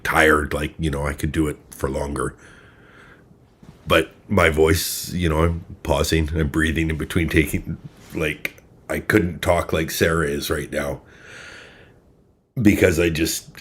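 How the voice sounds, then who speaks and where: A man's voice: extremely low pitch, fairly bright tone, slightly rough. A man hosting a true crime livestream, rambling in a wry, sarcastic way while drinking a little. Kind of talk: casual live ramble commentary.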